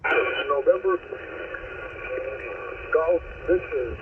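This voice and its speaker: A man's voice: fairly high pitch, very slow. A man calling in over amateur radio, tersely spelling letters in the phonetic alphabet while his garbled signal keeps cutting in and out. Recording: tinny, noisy ham radio reception.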